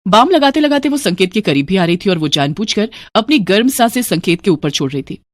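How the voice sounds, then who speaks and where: Expressive woman narrating a story. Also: medium pitch, brisk, dry recording, clean studio sound.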